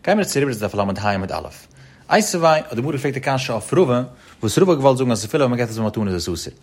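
Fast husky man teaching Talmud. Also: medium pitch, animated. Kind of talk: Talmud study lecture.

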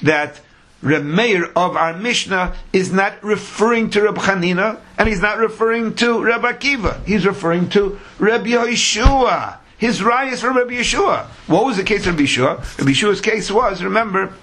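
A man's voice: high voice, normal speed, a bit bright, low-quality recording. A man teaching a religious lesson in a sing-song, argumentative way, with rhetorical questions and emphatic repetition. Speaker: Talmud teacher.

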